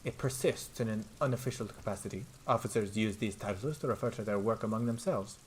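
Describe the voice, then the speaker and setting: A man voicing a calm, measured adult lieutenant in a detective video game, in a quiet, even reading voice. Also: on the low side, a little hiss or hum, lightly acted.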